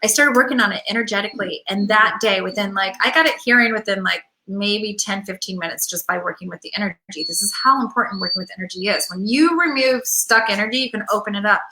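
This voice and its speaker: A woman with a bright, forward voice talks casually to her viewers as a pet healer. She rambles through stories and drops into quoted asides. The sound bounces around an echoey room. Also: mid-range voice, fast talker, hardly any pauses. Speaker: pet healer and show host.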